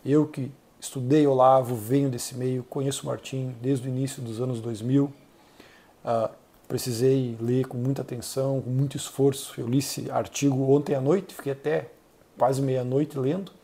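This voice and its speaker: A Brazilian man hosting a channel, giving earnest, measured solo commentary with frequent hesitations. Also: mid-range voice, level tone, warm tone. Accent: Brazilian Portuguese. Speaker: channel host reviewing an essay.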